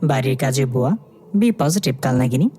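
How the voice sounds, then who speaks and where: A narrator voicing a hot-tempered, theatrical young woman, huffy and quick to bicker. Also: medium pitch, lively intonation, mellow, a little hiss or hum, voice pushed down, lightly acted.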